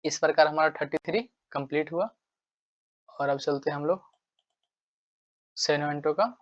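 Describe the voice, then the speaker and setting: A man's voice: fairly high pitch, steady tone, normal speed, no room sound. Man teaching in questions and answers. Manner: repetitive, quizzing himself with rhetorical questions. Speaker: English vocabulary teacher. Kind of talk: Hindi tutorial lesson. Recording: dry, dull lo-fi mic.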